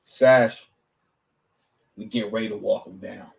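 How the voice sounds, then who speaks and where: A man hosting a podcast, reacting to clips in a rambling, mocking, animated way. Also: on the low side, takes it slowly, gravelly, far from the mic, rough recording. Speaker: podcast host. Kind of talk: casual reaction commentary.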